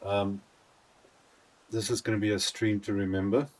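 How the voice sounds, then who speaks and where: Man, very low voice, casual stream commentary, rambling, restarts a lot. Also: flat delivery. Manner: rambling, thinks aloud, halting restarts. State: out of breath. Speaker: gaming live streamer.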